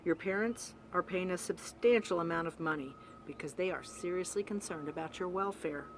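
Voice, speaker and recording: Woman reading as a gruff stern male director. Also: on the low side, moderate pace, a little hiss or hum, close to an everyday voice. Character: gruff stern middle-aged male boarding school director.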